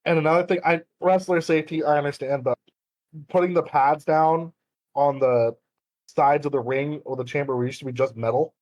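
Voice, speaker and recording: A man's voice: fairly high pitch, steady tone, brisk, darkish tone, no echo, rough recording. A man co-hosting a podcast in casual chat, rambling with many fillers and restarts. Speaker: podcast co-host.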